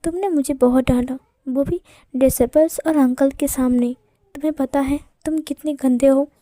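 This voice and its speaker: A woman's voice: high voice, fairly even intonation, moderate pace, dark tone, no echo, lightly acted. A woman voicing a petulant, mischievous young man who pouts and accuses, in a read-aloud story. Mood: sulky. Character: sulky mischievous young man, hot-tempered.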